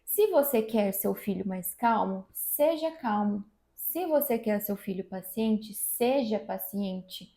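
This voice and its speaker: A woman, a mother co-hosting, giving measured parenting advice in a casual chat at home. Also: mid-range voice, lively intonation, dark tone. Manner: measured, advice-giving, repeats key phrases. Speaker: mother and channel co-host. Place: room at home. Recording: echoey room.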